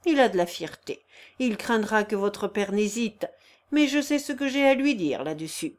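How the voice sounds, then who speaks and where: A woman's voice: mid-range voice, animated, normal speed, close to an everyday voice. A woman reading as a blunt old carpenter. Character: old male carpenter, gruff fatherly friend. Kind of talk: audiobook character reading.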